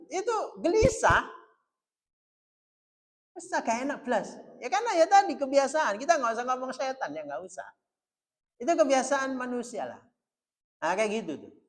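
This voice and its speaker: A male mosque teacher talks in a loose, chatty way, dropping words into his lesson. His pitch swings widely. The sound carries a long reverb from the mosque hall. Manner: chatty, mixing in Javanese, lively swings in pitch. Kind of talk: religious study talk.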